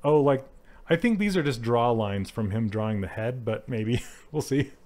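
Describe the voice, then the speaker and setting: A man's voice: medium pitch, animated, normal speed, darkish tone. A man teaching 3D character sculpting on a live stream, chatty and laughing often as he works and answers chat. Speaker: 3D art instructor streaming live. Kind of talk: casual live-stream tutorial.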